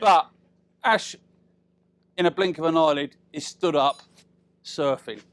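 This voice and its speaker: A middle-aged British man giving an informal, humorous wedding speech as father of the bride, chatty and teasing, with deliberate pauses and tag questions. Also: fairly high pitch, fairly bright tone, no room sound.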